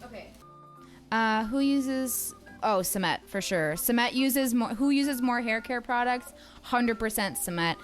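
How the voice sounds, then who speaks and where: A woman's voice: on the high side, measured pace, faint music behind. A woman in her thirties telling a story on a casual livestream, acting out the quoted dialogue. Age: 30s. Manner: animated, acts out quoted dialogue. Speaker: streamer's girlfriend, guest.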